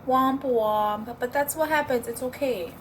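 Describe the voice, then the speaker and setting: A woman's voice: sits high, a little slow, slight background noise. Chatty woman vlogging at home. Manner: chatty, upbeat, rambling with fillers. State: eating while talking. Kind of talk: casual cooking vlog chat.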